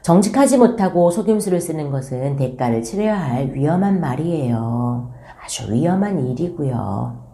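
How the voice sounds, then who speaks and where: Low-voiced woman teaching a children's Bible lesson. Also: lively intonation, normal speed. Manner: gentle, addressing children directly. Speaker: church school teacher. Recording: roomy echo.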